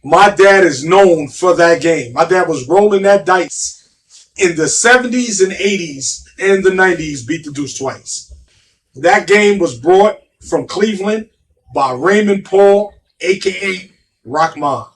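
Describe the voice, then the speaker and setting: A man's voice: high voice, lively intonation, measured pace, distant mic, a little hiss or hum. A middle-aged man with a New York accent, telling stories in casual, emphatic street talk and repeating himself. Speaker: guest.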